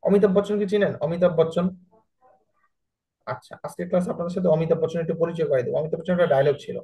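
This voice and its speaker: A man's voice: fairly high pitch, fairly even intonation, very fast, dark tone, rough recording. A man with a Bangladeshi Bengali accent teaching a video editing class, chatty, often checking that students follow and mixing in English words. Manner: chatty, asks students frequent check questions; mixes English words into his talk. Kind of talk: screen-share tutorial class.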